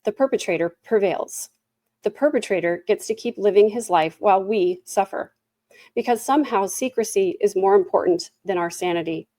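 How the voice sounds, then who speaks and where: A woman reads a prepared victim impact statement in a solemn, deliberate, accusatory manner with emphatic repetition. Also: mid-range voice, warm tone, no room sound. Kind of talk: prepared statement read aloud.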